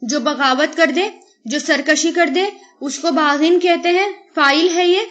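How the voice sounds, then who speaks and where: A woman teaches a Quran lesson, taking one Arabic word at a time and explaining it slowly in Urdu with English words mixed in. She keeps posing rhetorical questions to the listener, in a high-pitched, fairly bright voice.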